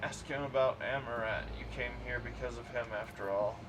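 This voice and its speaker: A man streaming a game, reading its narration in a plain, steady way. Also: medium pitch, brisk. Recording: distant mic with clear background noise.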